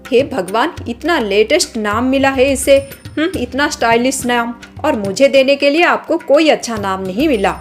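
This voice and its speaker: Lady voicing a bratty rich girl, scornful and bossy, kinda high voice, soft music under it. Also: lively intonation, moderate pace, few pauses. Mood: haughty scolding. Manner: scornful, scolding, sneering. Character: arrogant spoiled young woman, rich daughter.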